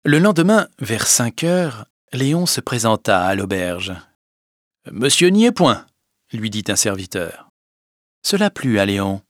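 Low-voiced man narrating a classic novel. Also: no room sound, clean studio sound. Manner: measured, expressive, sinking low on tags. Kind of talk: audiobook reading of a classic novel.

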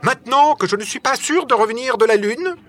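A man voicing a hot-tempered male captain in a storybook reading, speaking in sharp, shouted demands. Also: on the high side, very animated, moderate pace, husky, voice pushed up, exaggerated voice. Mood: agitated.

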